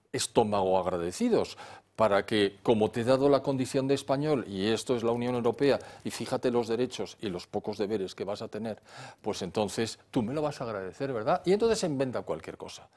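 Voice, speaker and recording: A man's voice: fairly low pitch, darkish tone. Sarcastic guy on a politics panel, asks himself questions then answers. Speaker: political commentator.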